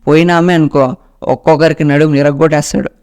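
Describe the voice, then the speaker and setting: A man's voice: a little high, fairly even intonation, quick pace, a little mellow, clean tone. A young man casually retelling a ghost story in the first person, chatty and colloquial.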